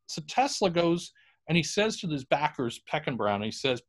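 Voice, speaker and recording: A man giving an informal, animated history lecture, telling stories and acting out quotes. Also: a little high, normal speed.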